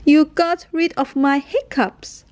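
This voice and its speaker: A woman voicing a small boy with the hiccups in a children's storybook reading, yelping each squeaky hiccup. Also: steady tone, takes it slowly, darkish tone. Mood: relieved.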